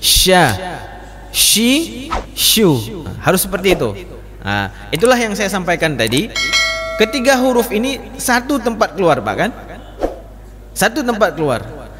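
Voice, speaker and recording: High, lively man teaching in a hall. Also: normal speed, pauses often. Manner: addresses class as Pak, demonstrates letter sounds repeatedly. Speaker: Quran recitation teacher. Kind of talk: mosque study class. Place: mosque hall. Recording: reverberant mosque hall.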